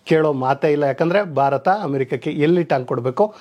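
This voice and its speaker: A man's voice: on the high side, fairly quick, muffled recording. A man presenting a news commentary segment, calling out to viewers as friends with rising, emphatic bursts.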